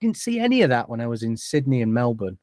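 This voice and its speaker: A man's voice: medium pitch, very animated, fast, darkish tone, dry recording, clean studio sound. A man hosting a podcast in a chatty, jokey way. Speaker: podcast host. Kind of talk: casual podcast chat.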